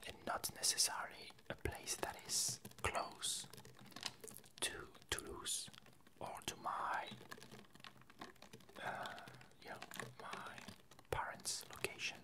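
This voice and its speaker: Hesitant and pausing often, a young French ASMR creator speaks in a soft whisper. Her French accent comes through as she chats in ASMR style.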